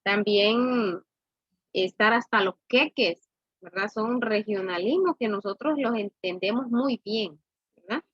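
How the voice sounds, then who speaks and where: A woman teaching a class, explaining slowly and checking in with "¿verdad?" after nearly every point. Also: medium pitch, slightly rough, no echo, dull audio. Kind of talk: classroom lesson.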